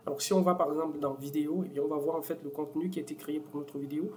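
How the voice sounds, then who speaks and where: Man, tutorial presenter, fairly high voice, hesitant, lots of fillers, keyboard typing behind. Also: fairly even intonation, racing, darkish tone. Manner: hesitant, many fillers and restarts. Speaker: software demo presenter. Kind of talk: casual screen-recorded tutorial.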